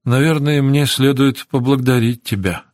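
A man reading the lines of a weak, remorseful young woman in a hospital bed, speaking quietly and in a subdued, near-whispered way. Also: mid-range voice, moderate pace, no room sound, studio quality, close to an everyday voice. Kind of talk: audiobook character reading.

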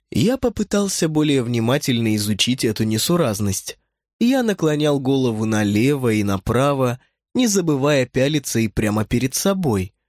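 A man narrating a first-person fantasy audiobook in an expressive way, with lively shifts in pitch. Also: dry recording, clean studio sound.

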